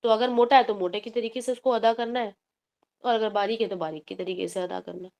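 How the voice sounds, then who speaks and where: A woman's voice: a little high, steady tone, creaky, a little mellow. A woman teaching Quran recitation in an online class, explaining patiently step by step and mixing in English terms.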